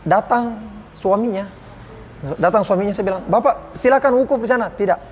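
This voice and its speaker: A man's voice: high-pitched, normal speed, a little mellow, slight background noise. A man, a doctor on hajj health duty, telling his experiences in an earnest, devout and emotional way during an interview. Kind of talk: interview storytelling.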